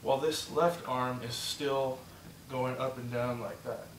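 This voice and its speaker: An instructor leads a step-by-step demonstration lesson, encouragingly repeating "just like that" and "good" while losing his voice and sounding a bit out of breath. His slightly hoarse, mid-range voice has fairly even intonation and a measured pace, picked up far from the mic in an echoey room with slight background noise.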